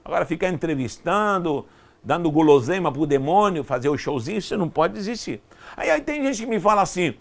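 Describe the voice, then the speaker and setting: A man teaches a Bible study lesson in a high voice with a gravelly edge. He talks emphatically, repeating points and answering his own rhetorical questions. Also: sing-song, fairly quick. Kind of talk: online Bible study lecture.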